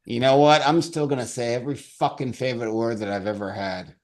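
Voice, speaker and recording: A man's voice: medium pitch, steady tone, a little fast. A man from New York, the featured poet, chatting casually and sardonically on a video call. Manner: sardonic, joking. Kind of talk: casual chat.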